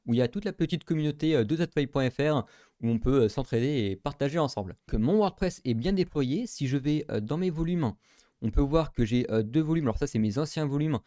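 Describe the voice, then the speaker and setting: A man's voice: medium pitch, expressive, a little fast, dark tone, dry recording, clean studio sound. A man, casually talking through a screen-recorded tech tutorial, with many fillers and thinking aloud.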